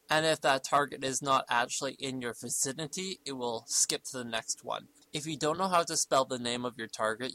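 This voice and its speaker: A man's voice: medium pitch, pushed and bright, no echo, low-quality recording. A man narrating a scripted segment of gaming tips as its presenter.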